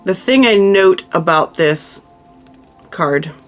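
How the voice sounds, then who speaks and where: Tarot reader, mid pitch, consoling and emotional, thinks aloud with restarts, soft music behind. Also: animated, takes it slowly. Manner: frequent restarts and trailing-off phrases. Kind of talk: monthly tarot reading, talking to the viewer.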